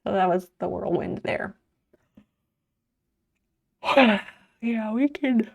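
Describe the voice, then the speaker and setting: A woman's voice: mid-range voice, extremely slow, gravelly. A woman live streamer chatting casually while sleepy and yawning, rambling and swearing offhandedly.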